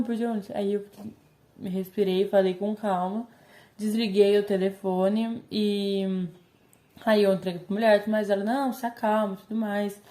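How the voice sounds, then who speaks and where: Chatty Brazilian girl, mellow voice. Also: mid-range voice. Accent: Brazilian Portuguese. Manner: chatty, animated retelling with quoted dialogue. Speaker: vlogger. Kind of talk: casual storytelling to camera.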